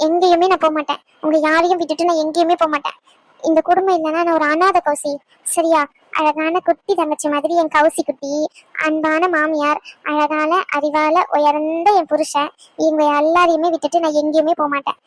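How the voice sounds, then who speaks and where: A woman's voice: sits high, flat delivery, fairly quick, no room sound, natural voice. A woman voicing a soothing young sister-in-law. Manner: soft, soothing, reassuring. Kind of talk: cartoon voice acting.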